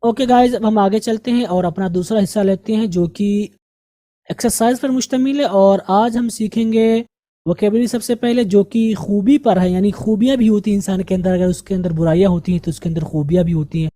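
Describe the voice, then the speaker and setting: A woman English teacher with an Indian Urdu-speaking accent, explaining grammar and drilling vocabulary slowly, repeating each word. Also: medium pitch, steady tone, warm tone, dry recording. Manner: slow, drilling pronunciation and repeating words.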